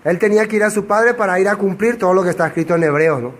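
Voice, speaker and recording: A man with a high voice leads a verse-by-verse Bible study. He keeps asking the listeners questions and answering them himself. Now and then he acts out the dialogue of the passage. A faint noise sits under the recording. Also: rapid-fire. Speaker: Bible teacher.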